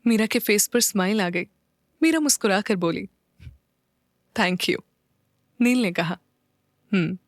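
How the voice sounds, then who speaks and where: A woman narrates a romantic audio story with steady, even storytelling. Her pitch sits in the middle, and the recording is dry and close with no room sound. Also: moderate pace, no echo.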